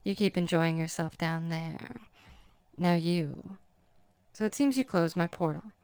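A woman's voice: lowish voice, a little slow, a little mellow, smooth, no room sound. A woman voicing a dominant, playful female succubus demon in an audio roleplay, speaking in a teasing, languid and commanding way.

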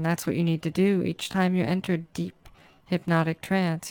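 A woman guides a listener into trance as a hypnotist, her phrasing soft, slow and drawn out. Her voice sits a little low and sounds smooth and resonant. The recording is dry and close, with no room around her. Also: no room sound, low-quality recording.

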